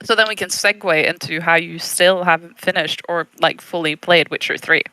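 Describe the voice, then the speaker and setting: A woman's voice: fairly low pitch, fairly even intonation, normal speed, bright, forceful tone, no room sound, rough recording. A woman co-hosting a casual podcast, chatty and teasing, laughing often. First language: Norwegian. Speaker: podcast co-host. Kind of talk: casual chat.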